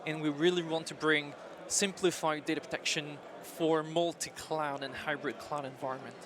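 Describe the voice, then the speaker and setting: A man's voice: a little high, flat delivery, moderate pace. A man from France with a French accent, answering as an interview guest in a conversational way. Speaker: interview guest, technical marketing manager. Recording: busy crowd chatter behind.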